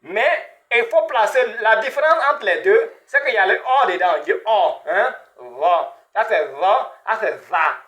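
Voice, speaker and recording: Male language teacher, high voice, slow and patient, repeats sounds for beginners. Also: lively intonation, a bit bright. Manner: repetitive, drills sounds with frequent "hein?" and "voilà". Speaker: Arabic teacher. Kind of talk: beginner pronunciation lesson.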